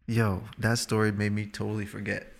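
A man's voice: on the low side, flat delivery, normal speed, gravelly. A laid-back man in casual chat with friends, often throwing in "yo". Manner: laid-back, says "yo" a lot.

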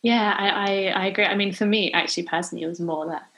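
A woman's voice: mid-range voice, steady tone, fast talker, fairly bright tone, highs cut off. A young woman in her twenties hosting a casual podcast, speaking in a chatty way with lots of "like" and easy laughter. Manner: chatty, many "like" fillers, laughs easily. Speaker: podcast host.

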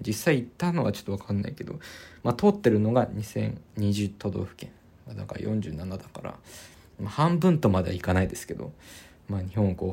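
Man, podcast host, relaxed rambling chat, gravelly husky voice. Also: fairly low pitch. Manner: relaxed, rambling, many fillers and restarts. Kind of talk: casual solo podcast talk.

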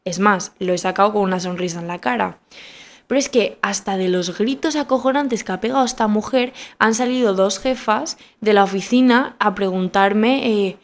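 A young woman in her twenties with a Spanish accent from Spain, hosting a podcast and telling a story in a casual, animated way with emphatic repetition. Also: medium pitch, moderate pace. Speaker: podcast host.

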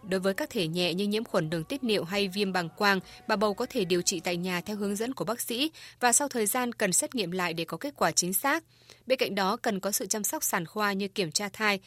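A woman's voice: mid-range voice, brisk, fairly bright tone, no echo. A woman presenter reading scripted health information in a formal broadcast narration style.

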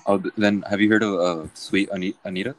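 Low-voiced joking young man. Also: steady tone, fast talker, rough recording. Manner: joking, stammers and repeats words. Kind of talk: casual chat.

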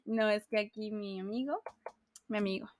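A woman's voice: medium pitch, moderate pace, a crowd in the background. A young woman co-hosting a podcast, casual teasing chat with lots of laughter. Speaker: podcast co-host.

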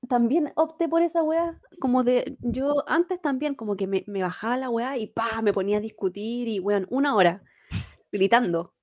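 A Chilean woman in her late twenties telling stories in a casual chat, animated and slangy. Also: a little high, moderate pace, dry recording. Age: 20s.

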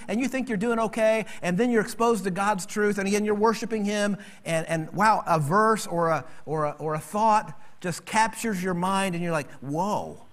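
A man preaching a sermon as pastor, animated and acting out quoted voices. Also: high-pitched.

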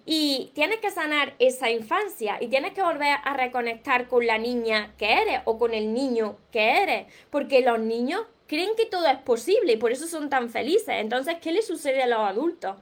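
Woman, Peninsular Spanish accent, high voice, earnest motivational live chat, clears throat often. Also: expressive, normal speed, hardly any pauses. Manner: earnest, encouraging, reads viewer comments aloud. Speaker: livestream host, self-help speaker.

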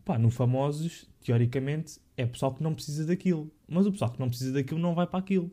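A man's voice: on the high side, fast talker, warm tone. A young man with a European Portuguese accent, chatting casually in slang with many fillers and restarts. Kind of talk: casual podcast chat.

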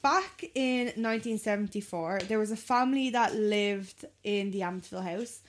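A woman's voice: medium pitch, moderate pace. A young woman co-hosting a true-crime podcast, telling the case in a chatty way and leaning on the word "like". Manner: chatty storytelling, leans on the word "like". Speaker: podcast co-host.

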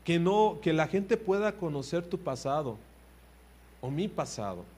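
A husky-voiced man preaching a sermon, his voice pitched a little high. He is animated, rising to loud emphasis and dropping to quiet asides, and keeps turning to his listeners with direct questions. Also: measured pace.

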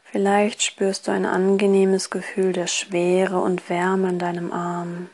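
A woman guiding a relaxation exercise in a soft, partly breathy voice, with a soothing, hypnotist-like delivery. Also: medium pitch, little pitch movement, takes it slowly. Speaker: relaxation course instructor. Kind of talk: guided relaxation, scripted instruction.

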